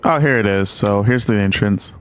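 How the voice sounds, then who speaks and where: A man's voice: fairly low pitch, normal speed, a little hiss or hum. A man in casual gaming voice chat, giving short replies and narrating what he does in the game. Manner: laid-back, short acknowledgements and running commentary on his moves. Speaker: gamer playing co-op.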